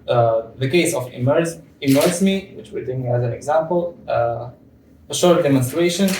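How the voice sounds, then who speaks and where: A young man from Tunisia giving a conference presentation, explaining step by step with frequent pauses and fillers. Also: medium pitch, darkish tone, slight background noise. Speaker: PhD student presenter. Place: conference room. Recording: echoey room, far from mic.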